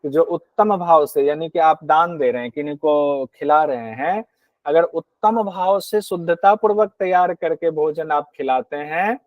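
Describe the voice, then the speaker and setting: A man's voice: a little high, measured pace, no echo, highs cut off. A man teaching a Hindi lecture on scripture, explaining verses and asking and answering his own questions. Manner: acts out rude and grudging hosts in quoted asides.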